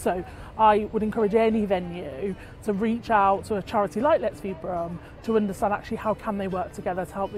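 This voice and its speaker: A woman's voice: mid-range voice, darkish tone, low-quality recording. A woman from a food charity answering interview questions outdoors in a city park, passionate and emphatic. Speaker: charity representative.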